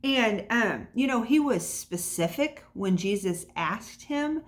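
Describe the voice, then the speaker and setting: A woman's voice: fairly high pitch, lively intonation, slow. A woman hosting a casual devotional podcast from her home, talking in a chatty, encouraging way with plenty of fillers. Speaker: podcast host. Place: at home by an open window.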